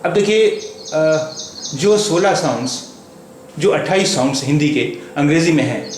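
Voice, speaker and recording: Slow, hesitant teacher with a higher voice. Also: male voice. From India. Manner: slow, repetitive, with many hesitations. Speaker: language teacher. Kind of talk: spoken English lesson taught in Hindi. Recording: echoey room with faint background noise.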